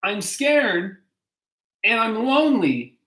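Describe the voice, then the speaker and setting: A man doing a frightened little seed, high-voiced. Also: big pitch swings, takes it slowly, pushed and bright, full character voice. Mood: scared. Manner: high, anxious, calling out. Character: small, scared, lonely little seed. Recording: echoey room.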